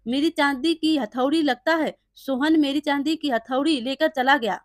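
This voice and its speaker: Brief: good-hearted village blacksmith man, read by a woman narrator, high, dry voice. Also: normal speed, no room sound, natural voice. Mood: distressed. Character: honest kindly male village blacksmith.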